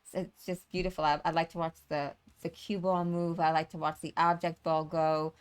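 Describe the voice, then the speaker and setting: New york lady hosting a pool stream, lowish voice, stumbles and restarts a lot. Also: level tone, clear, resonant tone. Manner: halting, hesitant, full of restarts. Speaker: tournament host. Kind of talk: casual live commentary.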